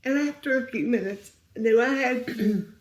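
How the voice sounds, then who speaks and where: A middle-aged woman telling a painful story as an interview guest, speaking softly and sometimes near a whisper. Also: fairly high pitch, normal speed. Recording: roomy echo.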